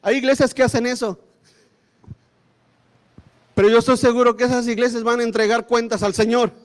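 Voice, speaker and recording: A man delivering a fiery sermon as pastor, his voice sitting very high. He presses his points by repeating phrases and addresses listeners as brother. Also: flat delivery, fairly quick.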